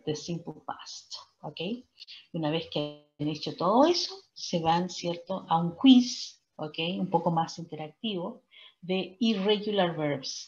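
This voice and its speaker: A woman's voice: on the low side, muffled recording. A woman teaching an online English class, checking in with "¿cierto?" and "¿ok?" after nearly every phrase. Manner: peppers speech with "¿cierto?" and "¿ok?".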